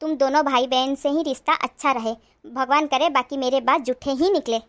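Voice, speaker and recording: A woman voicing a caring, worried middle-aged mother-in-law who gives gentle advice. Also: high voice, normal speed. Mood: advising. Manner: gentle advising.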